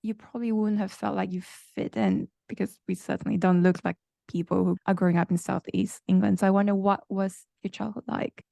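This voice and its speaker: A woman hosts a podcast and leads with curious, open questions. Her voice carries a strong gravelly fry. It is recorded dry, with no room sound. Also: medium pitch, flat delivery, brisk, hardly any pauses, warm tone, no echo. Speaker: podcast host.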